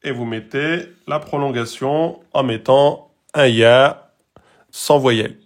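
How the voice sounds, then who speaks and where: Guy teaching arabic letters really slowly, patient, keeps repeating stuff and sounding it out. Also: mid-range voice. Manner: slow, patient, repeats rules and models sounds. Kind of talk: online lesson.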